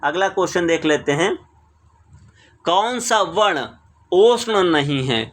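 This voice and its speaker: A man's voice: high-pitched, animated, takes it slowly, fairly bright tone. A man teaching exam questions, reading each question, repeating it and explaining the answer. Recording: screen recording voice-over.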